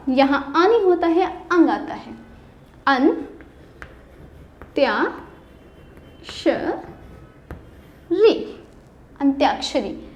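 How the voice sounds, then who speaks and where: A woman teaching a Hindi class to schoolchildren. She is patient and spells words out slowly, syllable by syllable, asking the pupils questions and answering them herself. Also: sits high, dull audio. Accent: Indian. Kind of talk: online classroom lesson.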